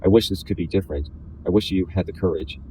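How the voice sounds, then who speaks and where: A man voicing a tense, earnest young male pop star in a flat, even read of a novel. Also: sits low, quick pace, a little hiss or hum, lightly acted, poor audio. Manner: flat, even reading with little change.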